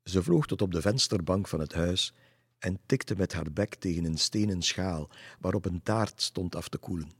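This is a children's story read by a man whose voice is very deep with a touch of huskiness, delivered slowly and calmly. The recording is dry and intimate, with no echo from the room.

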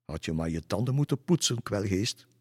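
A man's voice: fairly low pitch, expressive, brisk, darkish tone, slightly rough, dry recording, studio quality. A man voicing a brave, teasing young girl in a storybook reading, with a cheeky, mocking manner. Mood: scheming.

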